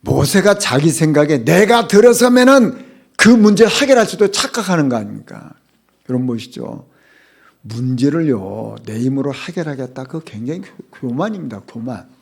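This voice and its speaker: A middle-aged man preaching a sermon as pastor, emphatic, putting rhetorical questions to the congregation and swinging between loud and hushed phrases. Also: on the high side, very animated, moderate pace, gravelly, breathy edge.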